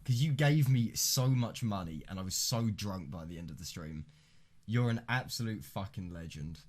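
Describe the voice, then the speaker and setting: A man's voice: sits low, expressive, normal speed, a little mellow. A nineteen-year-old British man live-streaming a game, chatting casually in a matey, rambling, sweary way.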